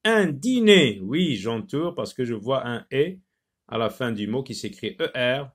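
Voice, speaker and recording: A man teaching a phonics lesson to children, slowly repeating each word and stressing its syllables. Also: medium pitch, animated. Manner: slow, deliberate, repeats words syllable by syllable.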